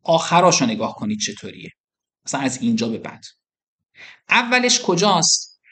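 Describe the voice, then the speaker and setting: A man's voice: fairly low pitch, sing-song. A middle-aged man giving a classroom lecture, explaining step by step and asking his students questions as he demonstrates on screen. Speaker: university lecturer.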